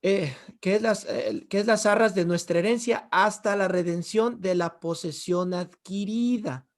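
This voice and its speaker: A middle-aged man with a high, slightly slow voice leads a theology class as a Bible lecture. He poses rhetorical questions to his students and then answers them himself.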